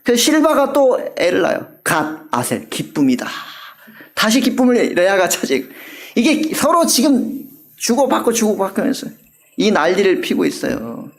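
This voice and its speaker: A male pastor giving an animated sermon, often asking the congregation questions. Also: high-pitched, moderate pace, vocal fry.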